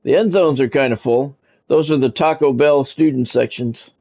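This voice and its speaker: With a mid-range, gravelly yet mellow voice at normal speed, a man livestreams as a play-by-play game streamer. Over music, he shifts between short announcer-style calls and casual conversation with viewers.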